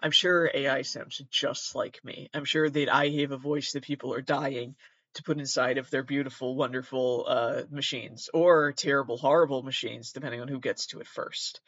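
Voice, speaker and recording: In roomy, somewhat dull lo-fi audio, a man hosts a loose reaction commentary, reading from web articles with muttered self-talk and sardonic, profane remarks. His mid-range voice is fairly bright, with fairly even intonation and a moderate pace.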